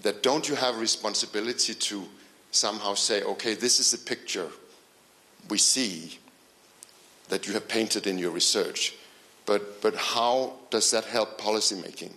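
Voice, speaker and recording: Low, tense man asking a question. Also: moderate pace, pushed and bright. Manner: hesitant, repeating words. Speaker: government official asking a question. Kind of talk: conference Q&A question.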